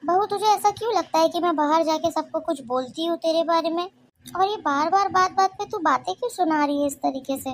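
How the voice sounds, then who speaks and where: A woman's voice: very high voice, fairly quick, a little hiss or hum. Fussing mother-in-law. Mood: pleading. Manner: pleading, plaintive scolding. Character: fussing, well-meaning middle-aged mother-in-law. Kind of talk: cartoon story voice acting.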